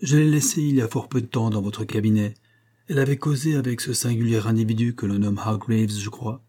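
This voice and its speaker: A man reading an audiobook, voicing a prim, spiteful middle-aged widow who feigns gentle sweetness and insinuates. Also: medium pitch, fairly even intonation, brisk, close to an everyday voice. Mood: insinuating.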